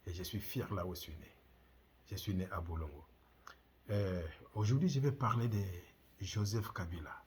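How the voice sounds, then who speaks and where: Speaking straight to camera on his own channel, a middle-aged man from the Democratic Republic of the Congo delivers impassioned commentary, repeating rhetorical questions. His French carries a Congolese accent, and his voice is low and darkish at a normal pace, with slight background noise.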